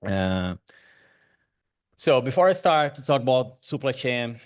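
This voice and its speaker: A man from Brazil with a Brazilian Portuguese accent, Portuguese his first language, giving an animated conference talk with non-native phrasing. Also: medium pitch, a little slow. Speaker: guest speaker.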